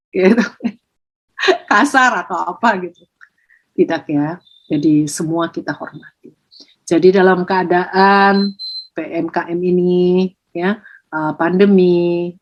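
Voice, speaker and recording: A woman giving a lively parenting talk to parents, jumping into high-pitched quotes of parents.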